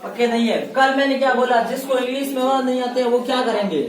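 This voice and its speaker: Man teaching a class, Rajasthani accent, high-pitched voice, keeps quizzing pupils, recorded from across an echoey room. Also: fairly even intonation, fast talker, recorded from a distance. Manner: drills pupils with repeated questions, patient. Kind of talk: classroom English lesson. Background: pupils answering in chorus.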